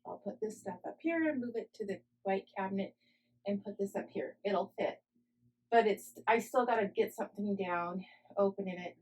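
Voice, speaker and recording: A woman giving a casual craft-room tour as a vlogger, rambling and thinking out loud indoors at home. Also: mid-range voice, rough recording.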